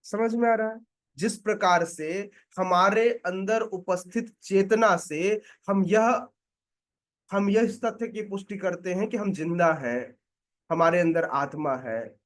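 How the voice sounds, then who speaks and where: A man preaching a scripture class, explaining slowly with many pauses and asking his listeners rhetorical questions to check that they follow. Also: high voice. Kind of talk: devotional scripture lecture.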